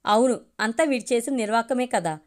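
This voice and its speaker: Mother figure for a storybook reading, anxious and scolding, sharp and reproachful, somewhat high voice as a woman reads her. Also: expressive, fairly quick, lightly acted.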